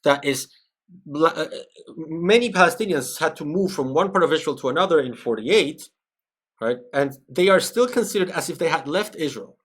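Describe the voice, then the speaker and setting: Stream commentator, male, fairly high voice, from Peru, analytical and conversational. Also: expressive, normal speed, a bit bright, husky. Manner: analytical, conversational, often tags "right?". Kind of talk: live-stream commentary reacting to a video with chat.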